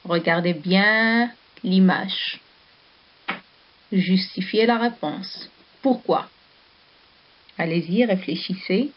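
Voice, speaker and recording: A woman teacher from Morocco talks slowly and patiently to young pupils. She reads a storybook aloud, asks questions and praises the answers. The recording sounds dull and lo-fi. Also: mid-range voice. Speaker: primary school teacher. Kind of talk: slow classroom lesson and storybook reading.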